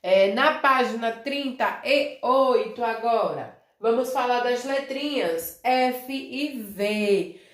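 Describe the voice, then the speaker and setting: A Brazilian schoolteacher talks young children through a review, slowly and patiently. She drags words out syllable by syllable and keeps asking if they follow. Her voice sits a little high and bounces around a reverberant room. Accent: Brazilian Portuguese. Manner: speaks of herself as "tia", many tag questions like "né?" and "certo?"; drawn-out syllables when modelling words. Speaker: primary school teacher. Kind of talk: slow, simple review lesson for young children.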